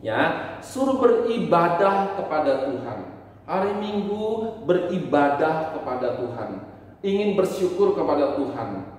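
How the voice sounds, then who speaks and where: A pastor giving a Sunday school sermon to children, animated, asking them questions and acting out little voices, in a church hall. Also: male voice, on the high side, measured pace. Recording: echoey church hall, mic far off.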